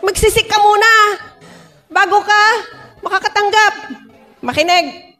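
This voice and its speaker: A woman with a Filipino accent preaches a sermon in a church, her voice sitting high. She reads scripture slowly and keeps turning to the congregation for a response. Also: bright, forceful tone. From Philippines. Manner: switches between Tagalog and English, reads verses slowly, calls out to the congregation.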